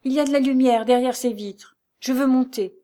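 A woman's voice: medium pitch, animated, moderate pace, dark tone, lightly acted. A woman voicing a distressed young woman who has been abandoned by her fiancé, pleading and indignant.

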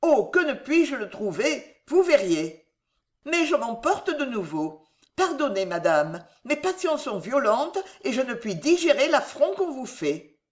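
A woman voicing an excitable, fawning young gentleman who pleads theatrically. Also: high-pitched, measured pace. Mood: pleading.

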